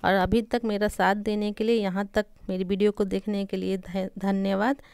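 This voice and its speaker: A woman's voice: medium pitch, little pitch movement, normal speed, creaky, darkish tone, clear, resonant tone, no echo, studio quality. A young woman narrating a family vlog, chatty, walking viewers from room to room. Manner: chatty, guides viewers around while walking. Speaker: vlogger. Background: music.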